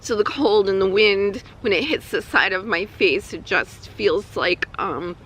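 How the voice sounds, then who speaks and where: A woman talks casually to her viewers in a personal vlog recorded outdoors. Her voice is weak and strained from a troubled throat, with a bright, tense edge. She speaks haltingly, pausing partway through sentences. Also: mid-range voice, breathy edge, poor audio. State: throat spasms with coughing and throat clearing. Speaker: vlogger. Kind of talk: personal health update vlog, casual talk. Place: outdoors on a hike.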